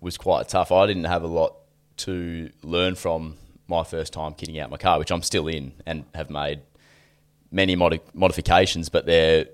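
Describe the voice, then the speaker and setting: A man's voice: low voice, little pitch movement, moderate pace, clear, resonant tone. A man with a broad Australian accent hosting a podcast in a blokey, laid-back, slangy, chatty way. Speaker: podcast host. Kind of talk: casual chat.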